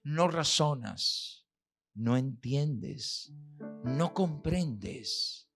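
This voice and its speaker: A male pastor delivering a sermon, preaching emphatically with rhetorical questions and pauses. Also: on the high side, a bit bright. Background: piano and keyboard music.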